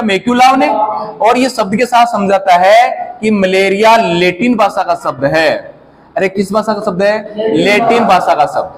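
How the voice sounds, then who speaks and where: A man's voice: high-pitched, a little hiss or hum, poor audio. A man teaching a competition exam class, quizzing students and having them repeat key terms back to him. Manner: quizzes the class with repeated call-and-response prompts. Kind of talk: classroom lecture.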